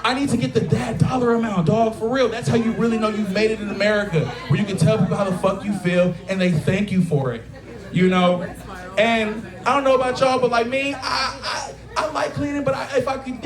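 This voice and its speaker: A man in his thirties with a high-pitched voice does crude stand-up before a live taproom crowd, keeping things conversational and regularly checking in with listeners. The room is echoey, and audience laughter carries in the background.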